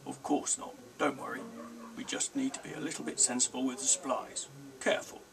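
A man voicing a proud, calm male bear who talks slowly and defiantly, in a storybook reading. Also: medium pitch, gravelly, far from the mic, a crowd in the background, close to an everyday voice. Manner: slow, quiet, clipped and defiant.

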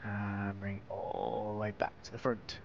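A man's voice: lowish voice, completely flat delivery, unhurried. Lancashire man on a dull, noisy mic. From northwest England. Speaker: game tutorial host. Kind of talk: casual Minecraft tutorial commentary. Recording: dull lo-fi mic, clear background noise.

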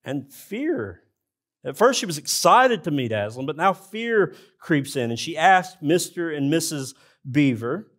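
A man's voice: a little high, sing-song, unhurried, fairly bright tone. A man preaching a sermon in a church, speaking earnestly and addressing the congregation directly. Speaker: pastor. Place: church sanctuary.

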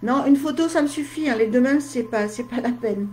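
A woman medium on a casual live stream, chatting straight to her viewers in short asides, tired and with a slight head cold that leaves her voice a little dry and husky. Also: sits high, a little fast, darkish tone.

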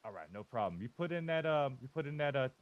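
A man's voice: medium pitch, lively intonation, quick pace, muffled recording, background noise. A man playing a rambling, folksy, boastful undertaker in a western role-play over voice chat. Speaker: roleplayer as undertaker.

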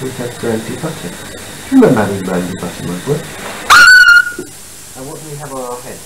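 Recorded on a noisy, echoey VHS tape inside the family home, this man patiently draws out a young child using simple questions while filming. His mid-range voice has lively intonation, and he speaks fast.

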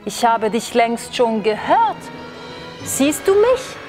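A woman reading a storybook, voicing a lonely young male frog who calls out high and excited. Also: slow, soft background music. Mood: eager calling.

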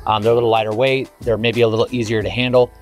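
A man's voice: mid-range voice, flat delivery, very fast, soft background music. A man in his thirties, a home builder, explaining basement construction step by step in an earnest, methodical way, recorded outdoors on a lapel mic. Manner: earnest, methodical, with filler words. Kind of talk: explanatory on-site walkthrough.

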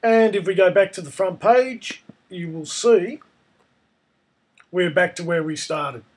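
Talking through each step of a software program, a man gives relaxed screencast narration at an unhurried pace. His voice is noticeably high, though hoarse, croaky and husky from a cold.

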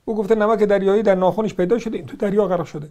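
A man with an Iranian Persian accent argues about religion in a high, mellow voice whose intonation stays fairly even. He is sarcastic and confrontational, knocking down points one by one with a stream of rhetorical questions.

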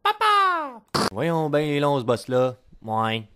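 Un homme à l'accent québécois qui joue des sketchs comiques d'un ton enjoué. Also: male voice, mid-range voice, a little slow, noisy background. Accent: Quebec French. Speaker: sketch comedian. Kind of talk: comedy sketch.

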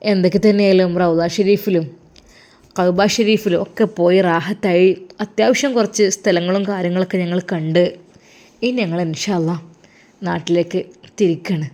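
Consoling younger brother, soft and reassuring, voiced by a woman. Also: on the low side, steady tone, moderate pace, long pauses, lightly acted. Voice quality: soothing, reassuring. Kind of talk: storybook narration.

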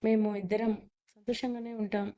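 A woman voicing a quiet, dutiful young daughter-in-law who speaks politely and reassuringly, on a slightly muffled recording. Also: on the high side, little pitch movement, moderate pace, close to an everyday voice. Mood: subdued.

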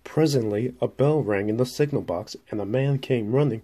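A man's voice: medium pitch, normal speed, dark tone. Man reading a storybook aloud. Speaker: narrator. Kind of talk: storybook narration.

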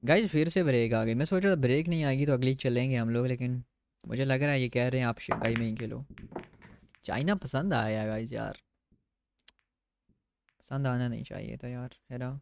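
A man's voice: mid-range voice, moderate pace, vocal fry, long pauses, muffled recording, a little hiss or hum. A man with a Pakistani Urdu accent chatting casually through live gameplay commentary, mixing in English phrases. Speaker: game streamer.

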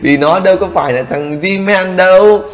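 A man giving excitable reaction commentary on a video, exclaiming often and calling out to his viewers. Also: high-pitched, moderate pace. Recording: long reverb with loud background noise.

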